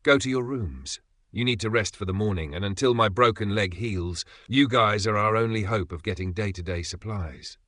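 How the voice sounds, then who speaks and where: A man voicing a frightened, protective middle-aged father who shouts stern warnings at his children. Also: on the low side, normal speed, no room sound, clean studio sound. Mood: weary tender.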